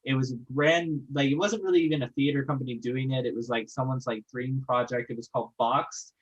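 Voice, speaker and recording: A podcast guest from Northeast Texas, chatting casually in an animated, laugh-prone way. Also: mid-range voice, brisk, breathy edge, dull audio. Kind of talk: casual chat.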